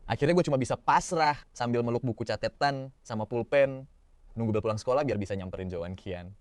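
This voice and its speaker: A man's voice: mid-range voice, fairly quick, no room sound. Young adult male narrator, casual slangy storytelling, dry close sound. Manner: slangy Jakarta-style casual talk, expressive inner monologue. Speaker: manhwa recap narrator.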